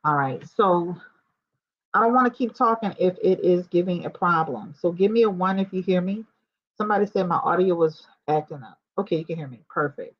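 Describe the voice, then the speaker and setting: A woman's voice: on the low side, a little fast. A woman doing a livestream tarot reading, chatting straight to her viewers, with muffled, boxy sound as if she were speaking from inside a box. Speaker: tarot reader livestreaming to a chat. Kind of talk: casual livestream chat. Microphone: laptop or computer mic with audio trouble.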